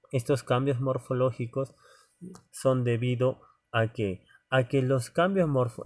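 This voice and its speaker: A man's voice: medium pitch, a little mellow. A male teacher lecturing students informally, checking in with frequent tag questions and fillers and speaking to them directly. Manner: conversational, many "¿no?" tags and fillers; addresses students directly as "joven".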